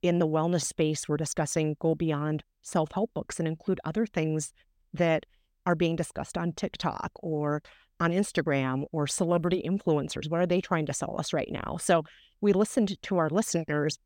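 Woman, lower register, dry close recording, emphatic encouraging interview guest. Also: steady tone, normal speed, darkish tone, no room sound. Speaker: podcast guest, podcaster. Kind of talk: explanatory interview talk.

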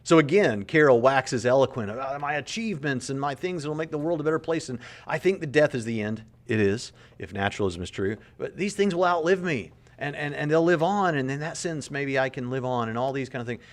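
Talking a little fast, this man in his late 30s has an expressive, mid-range voice. He's giving apologetics commentary on a podcast clip, earnest and conversational, and tends to repeat words while working through his reasoning.

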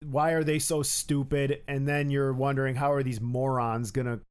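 Male co-host, mid-pitched and smooth, casual film review chat. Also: little pitch movement, normal speed.

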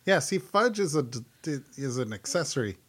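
A man's voice: medium pitch, sing-song, brisk, a crowd in the background. A young man co-hosting a casual podcast chat, teasing and laughing often. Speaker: podcast co-host.

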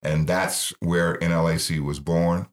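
Speaking low, level and a little slowly, a middle-aged ministry founder shares his personal testimony in an interview. He tells his life story earnestly, voicing the people he quotes.

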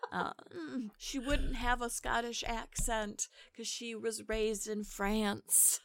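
A woman's voice: on the high side, flat delivery, slow pace, gravelly, a bit bright, dry recording. A woman chatting casually as a podcast guest, enthusiastic and opinionated about history.

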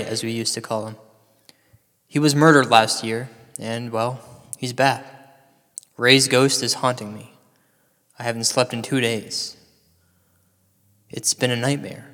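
A man's voice: mid-range voice, steady tone, measured pace, long pauses, a bit bright. A man playing an ominous late-night paranormal host, cavernous reverb. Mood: troubled, insistent. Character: paranoid, self-pitying male paranormal radio host telling ghost stories. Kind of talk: scripted audio drama monologue, ominous late-night radio storytelling. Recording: long hall-like reverb.

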